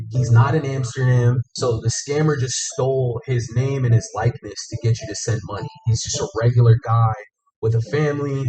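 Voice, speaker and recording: A man's voice: mid-range voice, poor audio. A man explaining in a confident, matter-of-fact way. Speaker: scam investigator. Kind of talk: explanatory conversation.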